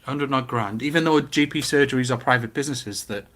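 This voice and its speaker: A middle-aged man with a Newcastle Geordie accent, chatting casually and giving his opinions in an animated way, with rhetorical questions. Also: mid-range voice, fast talker. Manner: animated storytelling with acted-out quotes and rhetorical questions.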